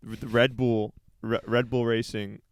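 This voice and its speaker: A man's voice: medium pitch, flat delivery, normal speed, clean tone, no room sound. Chatty young man, dry close sound. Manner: chatty, laughs often, trails off mid-sentence. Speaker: podcast co-host. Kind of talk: casual chat.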